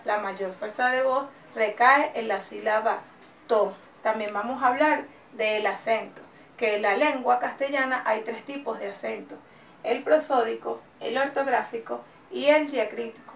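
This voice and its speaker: Venezuelan woman teacher, slow and gravelly. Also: a little high, far from the mic. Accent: Venezuelan Spanish. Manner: slow, stressing syllables carefully. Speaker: primary school teacher. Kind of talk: classroom lesson addressed to children. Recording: echoey room, voice off-mic, faint background noise.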